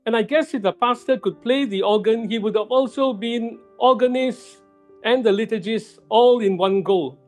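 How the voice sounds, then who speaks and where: A middle-aged male pastor giving a sermon in a church, speaking slowly and deliberately and repeating key phrases for emphasis. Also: extremely high pitch, darkish tone, faint music behind. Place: church sanctuary.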